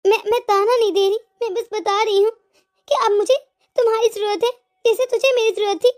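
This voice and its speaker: A woman's voice: very high-pitched, steady tone, normal speed, darkish tone. A woman voicing an injured, self-pitying old mother-in-law in a cartoon, tearful and remorseful. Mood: pleading. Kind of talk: cartoon voice acting.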